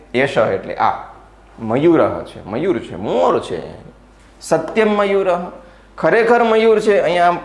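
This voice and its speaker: A man teaching a revision class, lively and playful, teasing his students by name. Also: fairly low pitch, reverberant.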